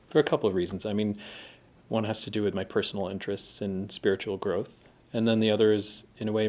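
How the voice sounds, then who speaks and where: A man, a former humanitarian aid worker, speaking in a considered way. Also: fairly low pitch. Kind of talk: recorded student testimonial.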